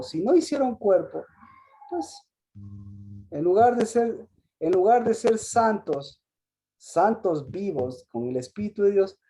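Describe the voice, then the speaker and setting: A woman giving a Sabbath Bible teaching, often asking her listeners questions, restarting phrases and clearing her throat. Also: mid-range voice, dark tone.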